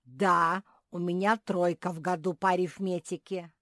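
A woman voicing a loud, stubborn, boastful bear cub boy in a storybook reading. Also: fairly low pitch, little pitch movement, unhurried, no room sound, clean studio sound. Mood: proud. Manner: shouting, insistent.

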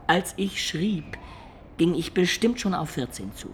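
In a German radio play, an actor voices an imaginative man of peasant birth looking back on his life, telling it in a reflective, expressive way. His voice is high and his pace measured, with a little hiss or hum on the recording.

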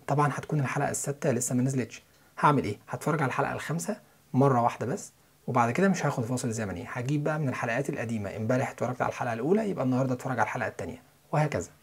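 A man's voice: medium pitch, gravelly, husky. A man with an Egyptian Arabic accent, explaining English pronunciation step by step as a listening-course teacher.

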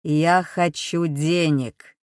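Woman voicing a male kidnapper, mechanical metallic voice, booming, slow, mocking, dark, dry. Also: steady tone, dry recording. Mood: demanding. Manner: slow, loud, mocking and commanding. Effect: mechanical, metallic voice-changer over the phone. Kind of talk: audiobook reading.

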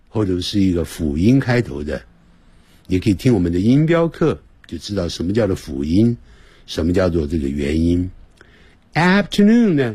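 Husky, animated male radio English teacher. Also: deep voice, no room sound. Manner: explains patiently, repeats and slowly models English phrases. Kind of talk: radio language lesson. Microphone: studio microphone.

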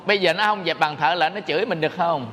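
A man's voice: on the high side, quick pace, a bit bright. A man, a Buddhist monk giving a folksy sermon and quizzing his listeners with rhetorical questions. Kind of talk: dharma talk sermon. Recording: reverberant hall with faint noise.

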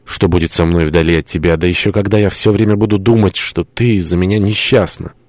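A man's voice: deep voice, fairly even intonation, fairly quick, a little mellow, no room sound, close to an everyday voice. A man voicing a tormented young lover in an audiobook, speaking fervently and pleadingly.

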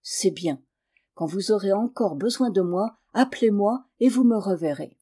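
A woman doing a gentle, wise old man. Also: medium pitch, lively intonation, normal speed, breathy edge. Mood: kindly.

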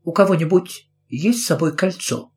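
A man's voice: a little high, a little mellow, pitched above the performer's own voice, natural voice. Man reading as a prim witch lady. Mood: friendly. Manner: slow, brooding, menacing, then suddenly sweet. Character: prim middle-aged woman, a witch. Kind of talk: audiobook character voice.

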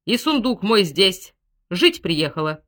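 Brash, domineering young woman in a storybook, put on by a woman reader; loud, bossy, swings widely in pitch. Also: sing-song, slow pace, full character voice. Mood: angry, defiant.

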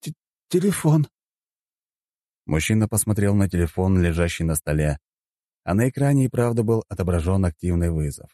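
A man narrating an audiobook in an expressive storytelling manner. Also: sits low, fairly quick, no room sound, studio quality. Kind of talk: scripted narration.

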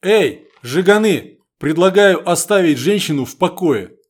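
A man voicing a young woman pilot shouting defiantly at robbers in an audiobook, raising his voice. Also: on the high side, animated, moderate pace, pitched above the performer's own voice. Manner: loud, defiant. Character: brave young woman pilot facing thugs.

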